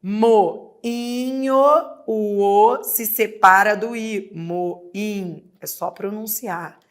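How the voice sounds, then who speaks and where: Slow, syllable-stretching woman teacher. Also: medium pitch, steady tone. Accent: Brazilian Portuguese. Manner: drawn-out syllables, sounding out words aloud. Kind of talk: exam prep lesson.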